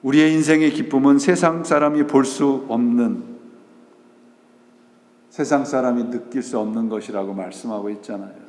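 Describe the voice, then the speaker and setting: A male pastor with a mid-range, slightly mellow voice preaches a Sunday sermon at a moderate pace in a church sanctuary. He poses rhetorical questions and answers them himself, mixing in English words. The church hall echoes.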